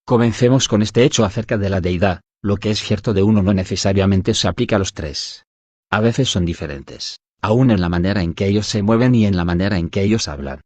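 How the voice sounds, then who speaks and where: A man narrating a devotional audiobook in an even, measured reading style. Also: on the low side, dry recording. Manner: even, measured reading that voices punctuation aloud.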